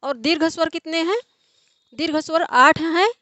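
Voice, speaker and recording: A woman's voice: extremely high pitch, normal speed, pushed and bright, dry recording. A young woman tutoring for an exam in an online lecture, explaining step by step and answering her own questions. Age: young adult.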